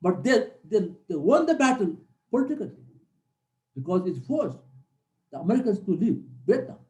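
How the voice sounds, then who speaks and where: Speaking at normal speed, this warm, high-voiced man from Nepal swings his pitch widely. He's middle-aged and lectures a class earnestly as a military instructor, driving key points home through repetition, all in an echoey room.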